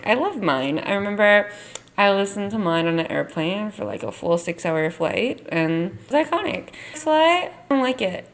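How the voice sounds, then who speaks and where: Ranking songs in a casual tier-list chat, a young woman vlogger rambles and says "like" a lot. Her medium-pitched voice is creaky and worn from having lost it.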